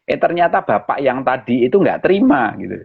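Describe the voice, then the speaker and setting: A man, a pastor, telling a personal story in an animated way during a live interview. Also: medium pitch, fairly quick, vocal fry, slightly rough. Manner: animated storyteller, addresses listeners as brothers and sisters. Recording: dull lo-fi live-stream audio.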